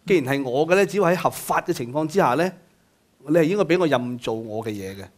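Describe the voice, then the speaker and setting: A man's voice: fairly high pitch, lively intonation, fast. A man, an interviewer laying out a long, argued question step by step. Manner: argumentative, builds a case step by step.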